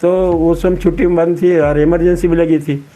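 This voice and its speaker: Through poor audio comes a fairly high, flat but warm voice at normal speed: an eighty-something retired army man from Betul, central India. He shares personal memories casually and loosely, repeating words and reenacting dialogue from the past.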